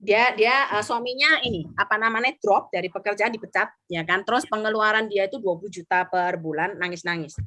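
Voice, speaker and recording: A woman's voice: medium pitch, fairly quick, hardly any pauses. A middle-aged woman, an insurance agency leader giving a motivational sharing talk, acting out quotes and mixing in English words. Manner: lively storyteller, acts out quotes, mixes in English.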